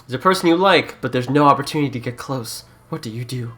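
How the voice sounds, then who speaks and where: A man's voice: medium pitch, fast talker, pushed and bright, faint music behind. Chatty Canadian man gaming. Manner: chatty, joking, reads game prompts aloud and laughs often. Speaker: YouTuber. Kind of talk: casual let's-play commentary.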